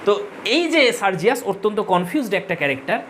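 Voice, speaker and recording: A woman's voice: medium pitch, big pitch swings, fast talker, slight background noise. Woman teacher explaining a play. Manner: explanatory, addresses viewers as friends; mixes English terms into explanations. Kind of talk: recorded literature lesson.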